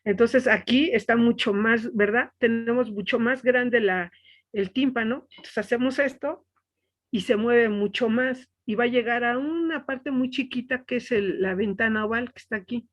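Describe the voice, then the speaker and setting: A woman's voice: on the high side, moderate pace. A woman teaching an online class, explaining step by step and often asking "¿sí?" to check on her students. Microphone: webcam.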